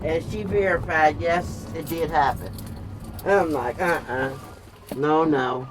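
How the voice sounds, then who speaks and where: An older woman chatting casually and telling stories in an animated, emphatic way, repeating phrases for comic effect. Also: deep voice, measured pace. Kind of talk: casual storytelling chat. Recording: noisy with clear vehicle and street sound.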